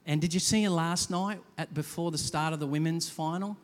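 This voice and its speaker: A man pastor giving a conversational, animated sermon with quick asides to a congregation. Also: a little high. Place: church hall. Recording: long hall reverb.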